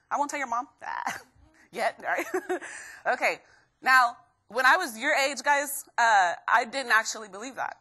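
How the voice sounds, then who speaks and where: A young woman from Guatemala gives a lively motivational talk to a room of students. Her voice is bright and forward, sitting a little high, and she keeps tossing questions out to the crowd. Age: young adult. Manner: energetic, keeps quizzing the crowd. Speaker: motivational speaker.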